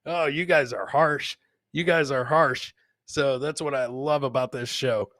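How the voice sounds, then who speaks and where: A podcast host runs a casual live comedy chat, reading and answering viewer comments in an informal style full of swearing and filler words. His mid-range, fairly bright voice has fairly even intonation and a measured pace, recorded in clean studio sound without echo.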